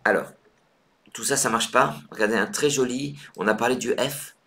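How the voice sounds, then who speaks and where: A man's voice: medium pitch, creaky, pushed and bright. A man hosting a live online Scrabble lesson, patiently explaining moves and thinking aloud with hesitations. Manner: counts points aloud briskly. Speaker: Scrabble teacher.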